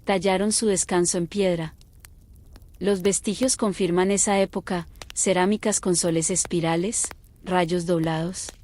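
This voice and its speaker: Quiet, mellow woman narrating at night. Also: on the low side, steady tone, measured pace. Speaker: narrator of bedtime stories. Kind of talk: slow scripted bedtime story narration.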